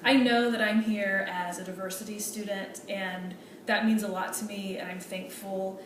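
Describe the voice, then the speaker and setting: The clip, recorded noisily on a distant mic in an echoey room, features a woman in a role-play meeting as an earnest female medical student. Her medium-pitched voice is steady and moderately paced, close to everyday speech, and she speaks politely and hesitantly with frequent fillers and restarts.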